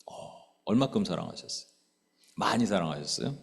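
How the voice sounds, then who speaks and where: Man preaching with lively, animated pitch. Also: fairly quick, creaky, husky. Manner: conversational, asks the congregation questions; acts out quoted speech with sudden loud outbursts. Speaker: pastor. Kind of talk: sermon. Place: church sanctuary.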